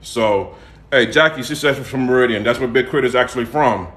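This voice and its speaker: Talking fairly quickly with a slightly bright, medium-pitched voice, this home cook and seasoning seller from Atlanta runs a casual cooking livestream in a Southern US accent. He's folksy, says things twice, and checks in with "okay?" and "all right?" The audio echoes noticeably from the room.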